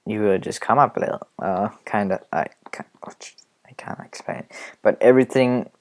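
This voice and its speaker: A man giving a casual screen-recorded animation tutorial, rambling and hesitant, often muttering quiet asides to himself. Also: on the low side, a little fast.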